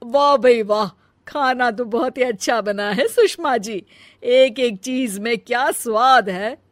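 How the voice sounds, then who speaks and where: A woman's voice: on the high side, no echo. A woman voicing a visiting aunt in a cartoon family drama, effusive and full of praise, drawing out her words. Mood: admiring. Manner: drawn-out, effusive.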